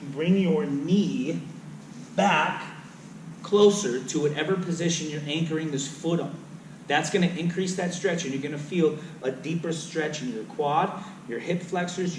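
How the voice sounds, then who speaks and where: A man's voice: a little high, recorded from a distance, a little hiss or hum. A male fitness trainer explaining and demonstrating exercises in a gym, counting out reps as he moves. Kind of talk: instructional workout video. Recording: echoey room, voice from off-mic.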